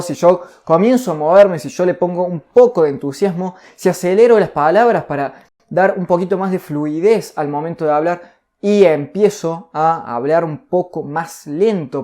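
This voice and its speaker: A man teaching a recorded online course on communication. He speaks deliberately, speeding up, slowing down and raising and lowering his pitch to demonstrate his points. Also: darkish tone.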